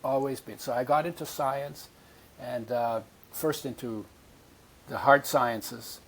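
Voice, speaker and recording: Speaking slowly in a mid-range voice with a breathy edge, this octogenarian guest on a podcast recounts his life. Born in Poland, he tells it with animation, performing the voices of people from his memories.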